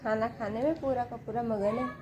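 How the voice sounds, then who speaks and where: A woman's voice: on the high side, fairly even intonation, moderate pace, dull audio. A woman casually vlogging as she feeds her birds and pets outdoors, talking to them in a fond, coaxing way. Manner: fond, coaxing talk to animals. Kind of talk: casual vlog commentary. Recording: noisy outdoor ambience.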